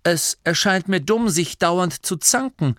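A man's voice: high voice, lively intonation, unhurried, a bit bright, no echo, clean studio sound, voice pushed up. A man voicing an honest, puzzled young male gnome hunter in a storybook reading, plain and earnest.

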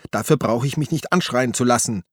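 A sulky, whiny police partner who complains and gets excitable, as a man puts him on. The voice sits well above the reader's own pitch and is louder, recorded close and dry. It is an audiobook character voice. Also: fairly quick, no room sound, close to an everyday voice. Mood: petulant.

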